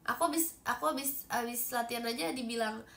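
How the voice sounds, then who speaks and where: With a fairly quick delivery and vocal fry in her voice, which is on the high side, a young Indonesian idol livestreamer chats animatedly over a phone stream. She's stuffy from a cold, leans on frequent fillers, and keeps thanking viewers for gifts.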